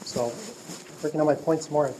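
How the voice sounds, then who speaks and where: A middle-aged man giving a speech to a trade group, telling stories in a halting way with many fillers and restarts. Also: on the high side, fairly even intonation, dark tone, a little hiss or hum, low-quality recording. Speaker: speaker addressing a trade group. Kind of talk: public speech with storytelling.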